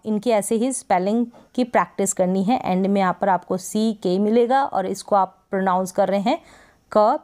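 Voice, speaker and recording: Smooth-voiced woman teaching phonics. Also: mid-range voice, a little mellow. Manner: slow, repetitive word-by-word drilling. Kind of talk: English phonics lesson in Hindi.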